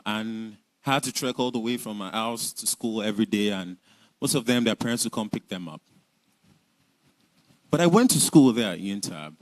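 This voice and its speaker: A young Nigerian man with a Nigerian accent tells his life story in a personal storytelling talk, earnest and reflective with light laughs. His voice is on the low side, and the recording quality is low.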